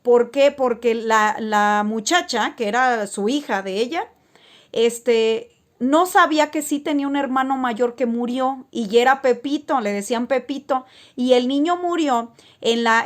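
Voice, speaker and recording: Rambling woman, higher voice. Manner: rambling, frequent filler words and restarts. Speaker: spiritual vlogger. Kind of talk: casual storytelling to camera.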